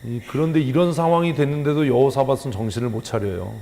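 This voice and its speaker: A man preaching a sermon as pastor, firing rhetorical questions at the congregation and swinging from loud scolding to hushed emphasis. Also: medium pitch, fast, slight background noise. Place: church sanctuary. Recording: long church hall reverb.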